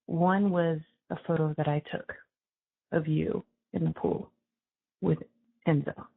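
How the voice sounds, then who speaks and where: A man talking casually on a prison phone call, emphatic and supportive, with a halting delivery. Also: fairly high pitch, little pitch movement, vocal fry, breathy edge. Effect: prison phone line. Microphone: telephone. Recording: tinny narrow prison phone line.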